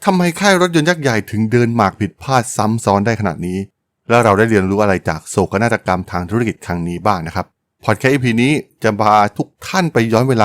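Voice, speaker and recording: A man's voice: fairly low pitch, no echo. A man hosting a podcast, telling a business history story in a polite, chatty way with frequent exclamations. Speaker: podcast host.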